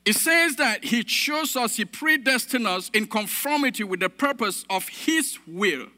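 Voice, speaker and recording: Bright-voiced preacher in an echoing hall. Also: male voice, extremely high pitch, animated, measured pace. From Cameroon. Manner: preaching with emphatic repetition and calls of amen. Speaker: pastor. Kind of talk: sermon. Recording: long reverb of a large hall.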